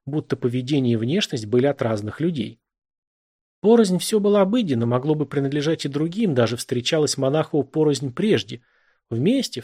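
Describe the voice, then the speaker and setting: A man reading literary prose aloud as an audiobook narrator, in a measured, reflective way. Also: mid-range voice, darkish tone, breathy edge.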